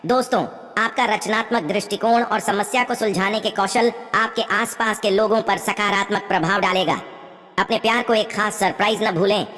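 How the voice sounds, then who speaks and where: A woman reading a scripted horoscope in a steady way, often calling the listeners her friends. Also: medium pitch, big-room sound. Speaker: horoscope presenter.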